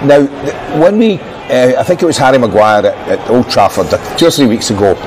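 A man's voice: medium pitch, lively intonation, brisk, music in the background, low-quality recording. An older man giving blunt, opinionated football analysis in a TV studio on a lapel mic. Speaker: football pundit.

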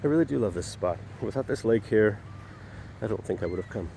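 A man's voice: on the low side, lively intonation, a little fast, gravelly, rough recording. A man chatting casually to the camera while driving, wry and a little jokey, later speaking outdoors by a lake. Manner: chatty, wry, sings to himself. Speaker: vlogger. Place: inside a car, then outdoors by a lake. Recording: loud road noise in a car.

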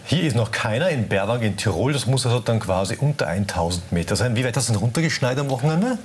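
A man hosting a breakfast TV show, lively and chatty. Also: mid-range voice, quick pace, a little hiss or hum. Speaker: morning show host. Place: TV studio set.

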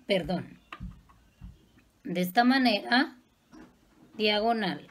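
A woman's voice: medium pitch, wildly swooping pitch, drawn-out words. A woman, a makeup artist giving a patient, affectionate step-by-step makeup tutorial.

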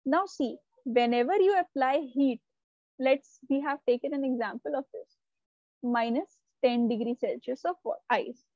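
A woman's voice: high-pitched, moderate pace, a little mellow, no room sound, muffled recording. A woman teacher, giving a live online lesson and explaining step by step while checking that her students follow. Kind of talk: live online class lecture.

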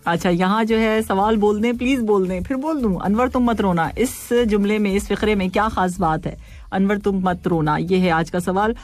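A woman hosting a casual radio show, reading listener messages, playful and quick to laugh and tease. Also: mid-range voice, darkish tone, dry recording. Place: radio studio.

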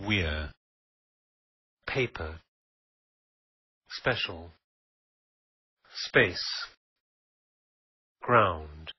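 Male reader for a word-by-word pronunciation list: very slow and deliberate, dry, muffled lo-fi sound. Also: low-pitched, breathy edge, dry recording. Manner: says each isolated word slowly and deliberately, with pauses between. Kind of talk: reading a vocabulary list word by word. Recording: dull lo-fi dry recording.

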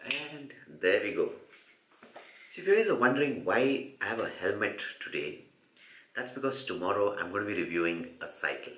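Upbeat Indian man vlogging, low and bright. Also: sing-song, moderate pace, roomy sound, slight background noise. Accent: Indian English. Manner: upbeat, chatty, explains step by step. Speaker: cycling vlogger. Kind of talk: casual vlog narration to camera. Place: hotel room, car and street at night. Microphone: handheld camera at arm's length.

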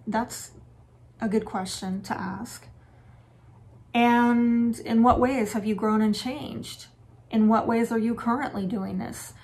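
A woman hosting a relationship advice talk, speaking frankly in a casual, lightly sarcastic way. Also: mid-range voice. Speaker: relationship and dating advice host.

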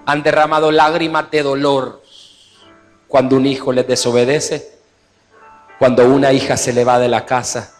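A man from Guatemala preaching a Mother's Day sermon as pastor, impassioned, quoting mothers in a lively voice. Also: mid-range voice, big-room sound. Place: church service.

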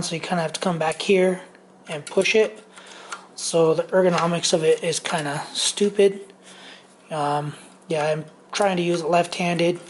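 A middle-aged man reviews a power tool in his home garage workshop for a casual vlog, rambling loosely with lots of ums and restarts. His voice is high, with a slight hiss or hum on the recording.

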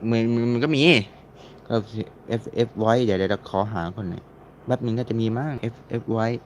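A man's voice: fairly low pitch, steady tone, a little fast, a little mellow, slight background noise. A man giving a casual, screen-recorded tutorial, chatting and repeating words while he searches and clicks. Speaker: mobile game modding tutor.

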